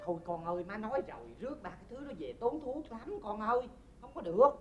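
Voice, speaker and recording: A woman's voice: on the high side, sing-song, fast talker, faint music behind. A woman playing a fussy, picky older mother in a comedy sketch, scolding her son in an exaggerated, nagging way with a Southern Vietnamese accent.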